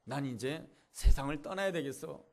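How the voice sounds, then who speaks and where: A man's voice: fairly high pitch, normal speed, a little mellow, close to an everyday voice. A man playing a laid-off husband, bitter, pleading and tearful.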